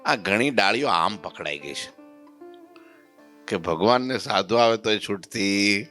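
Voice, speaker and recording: Man giving a devotional sermon, storyteller type, slow chanted verses, faint music underneath. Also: lowish voice, pushed and bright. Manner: storytelling, chants verses slowly, asks listeners questions. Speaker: religious preacher.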